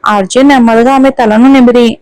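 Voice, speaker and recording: A woman narrating a romantic story in a steady storytelling manner, reading all the characters in her own voice. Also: fairly high pitch, fairly quick, clean tone, no echo, rough recording.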